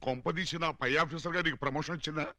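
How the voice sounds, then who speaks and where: An actor in a Telugu comedy film playing an indignant boss who sputters quick retorts. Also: male voice, on the high side, sharp tone, no room sound, clean studio sound.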